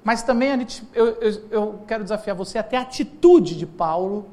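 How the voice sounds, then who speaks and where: A man's voice: high voice, lively intonation, moderate pace, warm tone. A man preaching a sermon as pastor, telling humorous stories in a loose, conversational way and acting out the people he quotes. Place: church hall.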